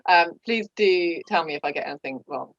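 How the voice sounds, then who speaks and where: A woman's voice: on the low side, expressive, brisk, dry recording. A woman in her thirties hosting a casual interview, friendly and giggly, with frequent fillers. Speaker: podcast host. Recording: dull, dry lo-fi audio.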